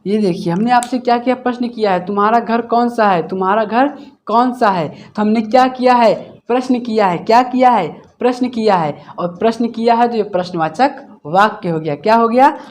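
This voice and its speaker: A man teaching a grammar lesson, who keeps asking himself questions, answers them, and repeats the key words. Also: very high voice. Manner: slows to dictate example words one at a time. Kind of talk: classroom-style grammar lesson.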